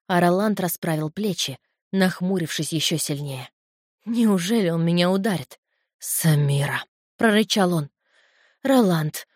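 A woman reading a novel in the first person in a tense, measured way, recorded close to the mic. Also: on the low side, darkish tone, no room sound. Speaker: audiobook narrator. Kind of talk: first-person audiobook narration.

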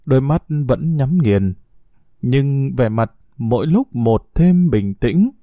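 A man narrating a novel in an expressive, dramatic audiobook reading. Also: medium pitch, slow, no echo, narrow, tinny audio.

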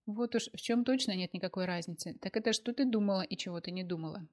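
A woman's voice: mid-range voice, fast, a little mellow, lightly acted. A woman voicing a scheming young woman who blackmails her former friend, with a hissing, mocking delivery. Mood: cold threat.

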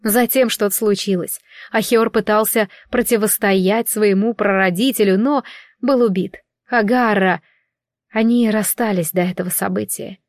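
Lady reading a fantasy audiobook, wry and even, dry close mic. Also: mid-range voice, normal speed, dry recording. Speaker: audiobook reader. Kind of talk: first-person fantasy audiobook narration.

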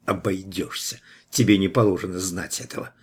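A man's voice: deep voice, steady tone, moderate pace, husky. A man reading an audiobook voices a furious, spiteful young woman captive who hurls insults. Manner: shrieking, venomous insults.

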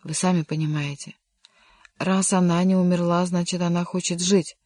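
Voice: medium pitch, little pitch movement, moderate pace, a little mellow, dry recording, studio quality, close to an everyday voice. A reader voicing a lovesick, despairing young count in an audiobook, speaking in an impassioned, pleading way. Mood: resolute. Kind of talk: audiobook reading.

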